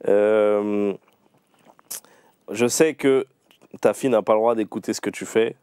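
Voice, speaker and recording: Man, host, playful quick questions, laughs a lot, dry close sound. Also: fairly low pitch, steady tone, warm tone, smooth, no room sound. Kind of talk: casual interview on a livestream.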